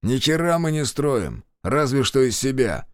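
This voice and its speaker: A man voicing a weary, bitter middle-aged pilot under interrogation, speaking slowly and gruffly. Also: medium pitch, big pitch swings, no echo, studio quality, pitched above the performer's own voice. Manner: slow, gruff, bitterly candid.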